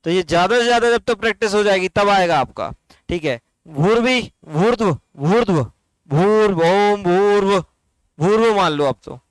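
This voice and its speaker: A man teaching a Hindi grammar class, slowly drawing out and repeating words for his students, with a Rajasthani Hindi accent. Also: high-pitched, clear, resonant tone, no echo.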